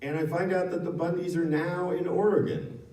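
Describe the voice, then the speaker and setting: A man from Nevada tells a personal story to a town hall audience in a frank, conversational way, stopping now and then to correct himself. His voice is mellow and dark. He sounds distant from the mic, in a room that echoes. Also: high-pitched, steady tone, moderate pace. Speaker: guest speaker.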